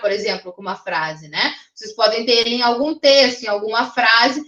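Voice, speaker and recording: A woman's voice: high-pitched, a bit bright, reverberant, dull audio. A woman teaching an English grammar class in Portuguese, with a Brazilian Portuguese accent, explaining patiently and checking in often with her students. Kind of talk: online class lecture.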